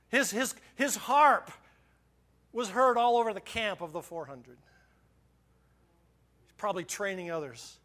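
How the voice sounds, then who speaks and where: High-voiced, impassioned preaching man. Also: slow, pauses often, pushed and bright. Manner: impassioned, repeats words and restarts, chuckles between points. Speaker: pastor. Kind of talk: sermon.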